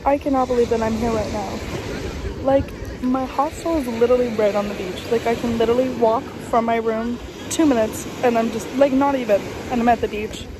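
Young woman vlogging into her phone, bit high voice, chatty and excitable, lots of background noise. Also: a little fast. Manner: chatty, excitable, swears casually; often drops to a hushed whisper in shared rooms. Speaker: travel vlogger. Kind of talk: casual travel vlog. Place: hostel and beach, indoors and out.

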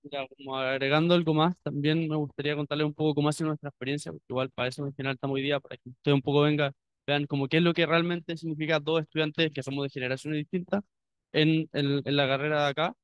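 Speaking fast and informally to would-be students, this young Chilean university student trips over his phrasing and keeps starting again. His voice is smooth, clear and slightly high for a man, delivered flatly. The recording is close and dry with no room sound, and the audio is dull.

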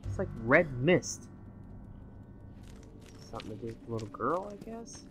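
A young man doing let's play commentary, excitable and swearing at the game, his voice going hoarse. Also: mid-range voice, normal speed, music in the background. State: losing his voice. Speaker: gaming channel host.

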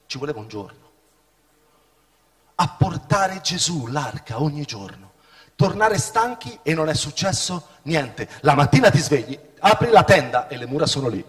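A middle-aged man preaching a sermon in a church hall, swinging from shouts to hushed tones. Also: on the high side, sing-song, normal speed. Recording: long reverb of a hall.

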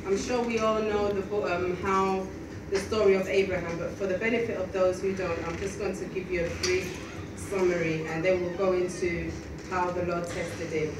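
A woman's voice: lowish voice, flat delivery, moderate pace. A young adult woman preaching a sermon at a lectern in a small church, in a conversational way with many fillers and restarts. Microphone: stand mic at a lectern, filmed by a far camera. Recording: echoey hall from far off, noisy.

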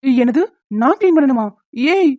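A woman voicing a young cartoon husband who bickers and protests loudly. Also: sits high, lively intonation, normal speed, dry recording. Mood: protesting. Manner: loud protesting outbursts. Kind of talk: Tamil cartoon dubbing. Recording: tinny phone-like, dry.

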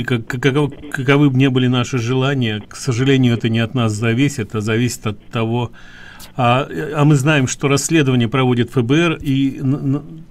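A man co-hosting a call-in radio show, arguing his points emphatically with rising indignation. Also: medium pitch. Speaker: radio co-host. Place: radio studio.

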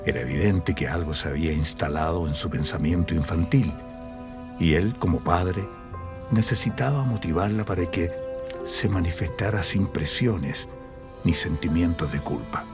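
A man narrating a television drama in a grave, measured tone, with a Chilean accent. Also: low-pitched, over music. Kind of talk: scripted documentary-drama narration.

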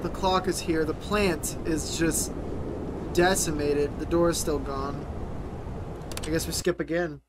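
A woman casually commenting while playing a video game, chatty and quick to react out loud. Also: low voice, fairly even intonation, background noise. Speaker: gaming YouTuber. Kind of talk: casual let's-play commentary.

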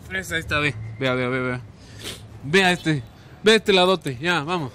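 With a fairly high pitch, a moderate pace and a bright, forceful tone, an Ecuadorian Spanish-accented man in his thirties hosts TV on location. Holding a handheld mic, he presents in a lively, playful, coaxing way, often repeating words, from a hotel kitchen and an outdoor street with traffic and street ambience.

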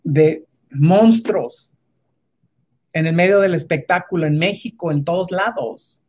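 A woman's voice: fairly low pitch, slow, a little mellow, husky. A woman giving an emphatic, casual opinion monologue, often restarting and stopping to ask rhetorical questions. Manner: keeps adding rhetorical tag questions; emphatic, with many restarts and hesitations.

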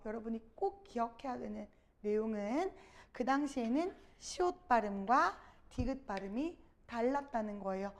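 Woman teacher, high voice, lectures students and answers her own questions. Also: darkish tone. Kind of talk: Korean grammar lecture.

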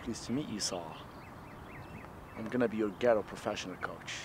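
An actor playing a brash, swearing street hustler who offers himself as a guide, in a low-budget student film shot outdoors. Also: male voice, normal speed, lightly acted. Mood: cocky. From Morocco. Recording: noisy outdoor street sound.

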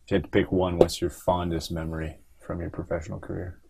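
A man asking quiet, brief questions in an oral history interview, heard faintly from off-mic. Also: low-pitched, level tone, fast, gravelly, noisy background.

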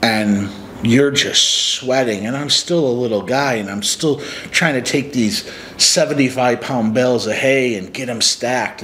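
Sitting on a couch in a small room, this upstate New York life coach and channel host, a man in his forties, talks casually to a camera placed close by. His medium-pitched, slightly bright voice sounds earnest, reflective and motivational, with a little background hiss or hum.

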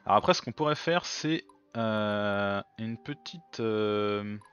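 A man hosting a let's-play video, chatting casually as he plays and thinking out loud with plenty of fillers. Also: fairly low pitch, expressive, slow, smooth, lo-fi sound, faint music behind. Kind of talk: casual gameplay commentary.

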